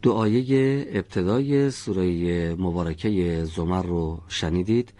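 A man with a somewhat low voice leads a recitation class. He speaks patiently, stops to correct students, and carefully sounds out letters to show how they should be pronounced. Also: warm tone. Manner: corrects pronunciation slowly, demonstrating sounds by example. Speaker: Quran recitation teacher.

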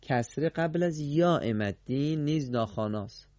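A man leads a Quran recitation class in a radio studio, putting questions to his students and repeating their replies. He talks emphatically, with sharp pitch jumps on key words, in a dark, mellow voice. The sound is dry and a little dull, like a radio broadcast. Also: lively intonation, no room sound.

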